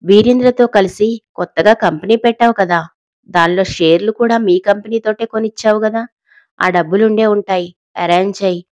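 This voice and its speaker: A woman's voice: mid-range voice, a little fast, darkish tone, dry recording, highs cut off, lightly acted. A woman voicing a sarcastic blackmailing woman. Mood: taunting. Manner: sarcastic, taunting. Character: mocking mysterious woman blackmailer, laughing cruelly.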